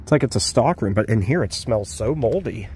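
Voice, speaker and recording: An urban exploring vlogger wanders an abandoned store outdoors, filming on a handheld phone camera and chatting casually, rambling and thinking aloud with fillers. His fairly low voice is expressive, brisk and a little mellow. There's a little hiss or hum.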